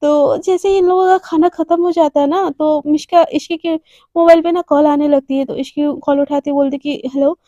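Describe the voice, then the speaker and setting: A woman's voice: high-pitched, fairly even intonation, moderate pace, warm tone, dry recording, dull audio. A woman casually narrating a romance story, chatty, acting out the characters' lines herself.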